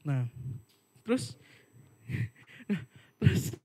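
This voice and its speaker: A young man gives a relaxed sermon. His pitch runs high and swings widely as he tells stories with slangy, joking asides. His voice has a slightly husky edge. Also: very slow. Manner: chatty storytelling, jokey asides, slangy. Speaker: worship speaker. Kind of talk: casual sermon. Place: online worship service.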